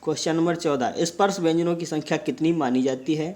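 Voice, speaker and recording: A man leads an exam practice lesson, reading every question and its options aloud before explaining the right answer. His voice sits slightly higher than most men's. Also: fairly even intonation, fairly quick, a little mellow. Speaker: Sanskrit teacher.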